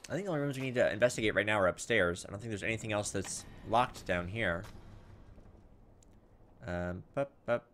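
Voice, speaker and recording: Reading on-screen game text aloud at a fairly quick clip, this let's play host has a voice on the low side and slips in casual, muttered comments. A steady background noise runs beneath the recording.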